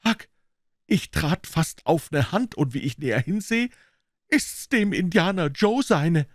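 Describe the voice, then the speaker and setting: Give me a man putting on a jumpy, high-voiced young boy, breathless with fright, dry close sound. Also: unhurried, no room sound. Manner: breathless, excited storytelling. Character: excitable scared boy adventurer.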